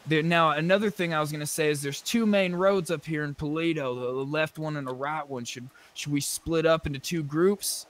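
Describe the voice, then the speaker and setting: Over clearly noisy gaming voice chat, a man chats casually in character as a player in an online zombie survival roleplay. His fairly high, fairly bright voice keeps a fairly even intonation and moves fairly quickly, with hardly any pauses.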